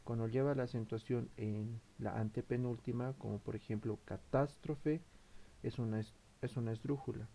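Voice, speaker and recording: A man's voice: medium pitch, fairly even intonation, moderate pace, gravelly, dark tone, slight background noise. A man giving a class presentation, reading his points aloud with frequent fillers and self-corrections. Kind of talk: read-aloud school presentation.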